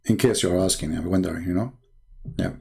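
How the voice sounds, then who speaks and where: His voice is low, gravelly and a bit rough, dark in tone, and he talks briskly. A native Arabic speaker from the Middle East with an Arabic accent, he hosts an informal live stream and defends his religion with sarcasm and mockery, repeating phrases to drive them in.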